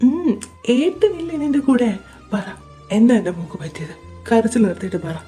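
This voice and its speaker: A woman voicing a caring, protective young man who acts as an older brother, talking in a gentle, coaxing way in a fan audio drama. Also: on the high side, big pitch swings, moderate pace, faint music behind. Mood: coaxing concern.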